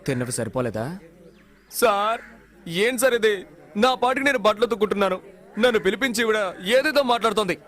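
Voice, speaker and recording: An actor playing a cheeky young con man in dubbed film dialogue, quick-witted and mocking. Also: high voice, lively intonation, fairly bright tone. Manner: mocking, quick-witted, fake tearful pleas.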